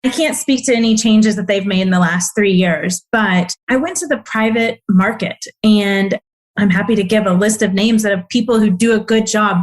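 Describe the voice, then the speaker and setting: Animated woman doctor telling stories. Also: fairly high pitch. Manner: animated, emphatic storytelling. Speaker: aesthetic physician guest. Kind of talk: casual interview conversation.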